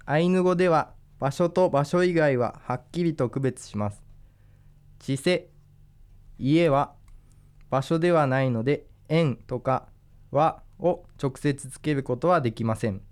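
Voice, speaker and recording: A man teaching a language lesson, explaining grammar and example sentences slowly and carefully. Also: on the high side, a little mellow, smooth. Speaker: language instructor.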